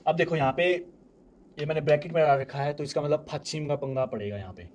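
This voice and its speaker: Man teaching step by step, slightly high voice. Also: a little mellow, slight background noise. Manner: repeats examples slowly, asks and answers own questions. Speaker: language teacher. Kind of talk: explaining grammar step by step.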